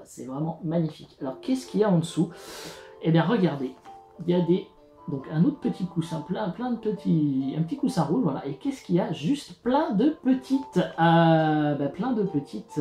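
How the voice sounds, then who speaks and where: A relaxed, mellow-voiced host chats through an unboxing vlog, full of fillers and restarts. The voice carries a roomy echo, and faint music plays underneath. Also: mid-range voice. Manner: chatty and hesitant, many fillers and restarts, narrates each step while handling the box. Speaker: YouTube channel host. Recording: echoey room with faint music.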